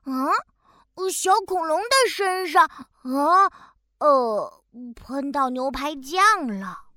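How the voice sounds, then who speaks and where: A woman's voice: high voice, big pitch swings, very slow, sharp tone, dry recording, studio quality, full character voice. A woman doing Dengdeng, a bouncy little bear cub. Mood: playful. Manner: playful, sing-song, with sound effects. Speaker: storybook narrator in character. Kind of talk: children's storybook narration.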